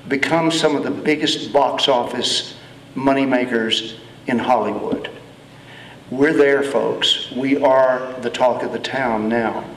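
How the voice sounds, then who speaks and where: Slow, reflective man in an echoey hall. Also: medium pitch, recorded from a distance, slight background noise. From Austin, Texas. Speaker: festival honoree and speaker. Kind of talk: speech to an audience. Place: event hall.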